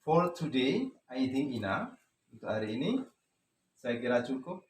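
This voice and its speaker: A man's voice: medium pitch, big pitch swings, unhurried, slight background noise. A man with an Indonesian accent teaching an English lesson to a class, switching between English and Indonesian and quizzing the students. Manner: mixes English and Indonesian, asks class questions. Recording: echoey classroom.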